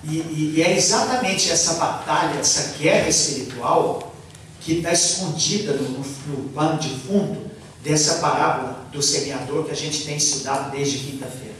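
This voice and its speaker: A man interpreting a sermon phrase by phrase, with halting restarts and fillers, on a handheld mic in a church hall. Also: fairly high pitch, fairly bright tone, a little hiss or hum. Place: large church hall, indoors. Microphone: handheld mic, filmed by far camera. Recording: echoey hall from far off.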